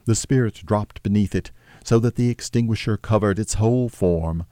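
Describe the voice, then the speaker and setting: A man narrating a classic novel as an audiobook, with measured, steady storytelling. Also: on the low side, no room sound, studio quality.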